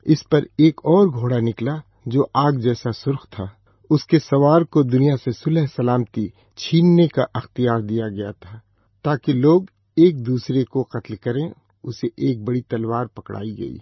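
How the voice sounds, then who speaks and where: A man with a husky voice reading scripture aloud in a measured, solemn manner. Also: medium pitch, dry recording. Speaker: scripture reader. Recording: dull, slightly lo-fi dry recording.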